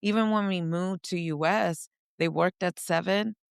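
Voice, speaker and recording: A woman from India, a podcast co-host reflectively recounting her upbringing, often pausing to search for words. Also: fairly low pitch, vocal fry, clean tone, dry recording, clean studio sound. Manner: reflective, searching for words, frequent "you know". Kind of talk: personal storytelling in conversation.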